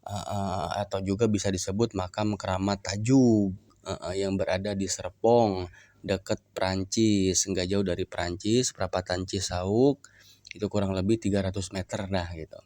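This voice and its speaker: A man's voice: low-pitched, fairly even intonation, moderate pace, darkish tone, no echo, clean studio sound. A man with a Sundanese accent teaching from a religious book, retelling it in folksy everyday talk. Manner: folksy, explains in plain talk. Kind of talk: kitab reading lesson. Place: shrine visit.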